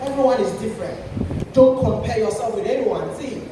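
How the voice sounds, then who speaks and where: A man giving a lively motivational talk to an audience, animated, repeating himself and laughing often. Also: high-pitched, normal speed, background noise. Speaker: speaker at a creators' session. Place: indoor event room with audience. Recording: echoey event hall, from far off.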